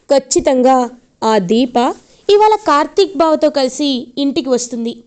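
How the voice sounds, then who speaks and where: A woman's voice: high voice, darkish tone, close to an everyday voice. A woman voicing a scheming young woman who plots and argues on her grandmother's side, in a serial retelling. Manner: conspiratorial, persuasive.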